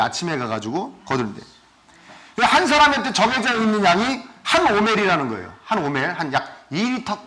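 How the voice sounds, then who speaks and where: A male pastor giving a sermon, asking his congregation questions and swinging between loud and soft. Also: sits high. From South Korea. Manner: asks the congregation questions often.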